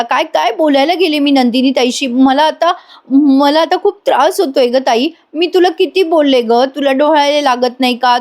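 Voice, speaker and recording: A woman's voice: high voice, a little mellow, lightly acted. A woman reading out a tearful young wife pleading. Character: distraught young wife begging her sister-in-law's forgiveness.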